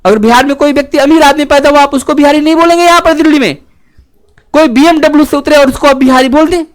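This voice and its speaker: A man teaching a class, who keeps asking the students whether they have understood and moves between joking asides and earnest advice. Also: very high-pitched. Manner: keeps checking students understood with quick questions; joking and lively, then earnest and preachy. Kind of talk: classroom lecture.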